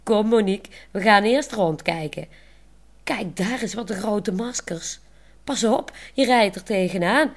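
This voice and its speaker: A woman's voice: mid-range voice, unhurried. A woman voicing a proud, cheeky man in a wheelchair who talks boastfully. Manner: boastful, playful.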